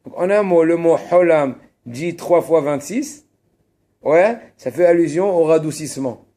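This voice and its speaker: A man's voice: on the high side, a little slow, dark tone. A man rabbi teaching a religious text, asking and answering his own questions and stressing Hebrew terms. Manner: casual asides to students.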